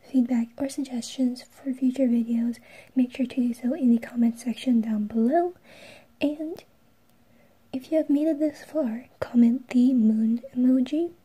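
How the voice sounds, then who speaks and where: A woman hosts a craft tutorial in a breathy, whispered voice. Her pitch is high and her tone is very soft and dark, with no brightness to it. She explains gently, one step at a time. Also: no echo. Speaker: host of an art tutorial.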